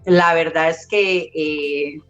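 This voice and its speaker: A woman's voice: sits low, steady tone, slow pace, muffled recording, faint music behind. A woman, a guest talking from her home over a video call in a proud, chatty way with many fillers. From United States, Costa Rican parents. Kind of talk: casual interview conversation.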